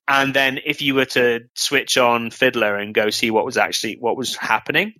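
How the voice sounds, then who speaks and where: A man's voice: medium pitch, steady tone, normal speed, pushed and bright, no room sound. A man co-hosting a casual tech podcast, talking in a rambling way with many restarts and fillers. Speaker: podcast co-host.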